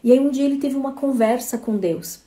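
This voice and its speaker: A woman's voice: high voice, fairly quick, mellow. A woman, a motivational speaker telling a parable in a conversational way. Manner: conversational, addresses listeners as "gente".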